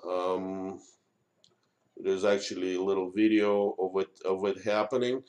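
A man hosting an unscripted live stream of political commentary, speaking haltingly with many filled pauses. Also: sits low, little pitch movement, a little mellow. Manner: halting, frequent long hesitations and filled pauses.

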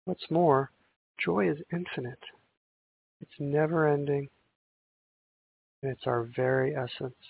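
A man leading a guided meditation in a slow, soothing sleep story narrator manner, with long pauses between gentle instructions. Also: fairly high pitch, gravelly, slight background noise. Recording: muffled, phone-like narrow sound.

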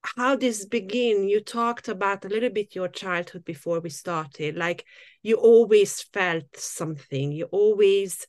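A woman hosting an interview podcast, asking questions with eager, friendly warmth in non-native English. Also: medium pitch, measured pace, no room sound, studio quality. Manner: warm, enthusiastic, speaks non-native English with restarts. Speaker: podcast host. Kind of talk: casual interview.

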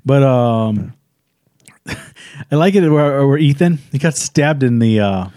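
A man's voice: mid-range voice, animated, slow pace, mellow, no room sound. Casting: male podcast co-host, rambling casual movie chat, dry close sound. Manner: rambling, retells scenes with quoted voices.

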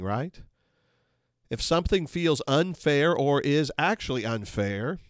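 A man's voice: mid-range voice, no room sound. Earnest man teaching parents, dry sound. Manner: earnest, measured instructional delivery. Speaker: podcast host.

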